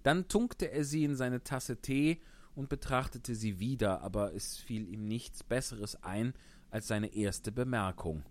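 A man narrating a storybook reading in an expressive, unhurried way. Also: medium pitch.

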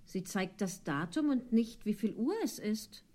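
A man doing a high, polite young girl. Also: lively intonation, unhurried, darkish tone. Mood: earnest. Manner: earnest, polite. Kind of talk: storybook reading.

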